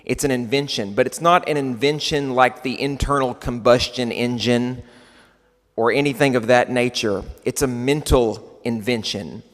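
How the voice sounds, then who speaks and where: A man with a West Texas accent gives a prepared conference talk, using deliberate, emphatic phrasing and repeating key words. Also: medium pitch. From West Texas, United States. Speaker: conference speaker. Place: large indoor conference hall. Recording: echoey hall with long reverb.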